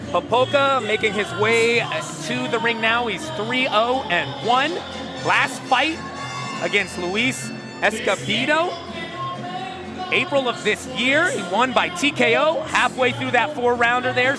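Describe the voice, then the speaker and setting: A man giving casual live boxing commentary in halting, piecemeal phrases. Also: very high-pitched. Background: loud venue music.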